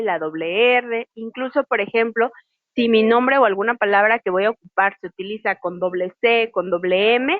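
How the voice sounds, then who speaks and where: A woman teaches sign language online, calmly spelling out letters one at a time. Her voice sits a little high. The sound is dry and muffled, like lo-fi video call audio. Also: no room sound. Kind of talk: online class instruction. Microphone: video call microphone.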